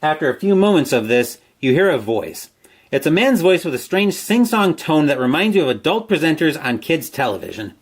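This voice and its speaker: A man's voice: fairly high pitch, sing-song, fairly quick, husky. A man playing a solo horror gamebook alone, reading the entries aloud with dramatic narration and asides about his dice rolls.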